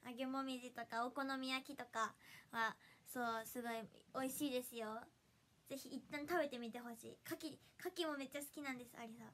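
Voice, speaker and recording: A giggly young woman with a Hiroshima accent chats on her livestream, reading out viewers' comments. Her voice sits high and sounds bright and sharp. She is bubbly and laughs often between sentences. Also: fairly even intonation, brisk, a little hiss or hum. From Hiroshima, Japan. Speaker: idol livestreamer.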